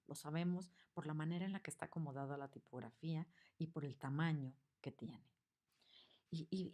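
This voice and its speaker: Low-voiced woman lecturing on picture books. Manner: expressive, acts out the examples, asks the audience questions. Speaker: teacher.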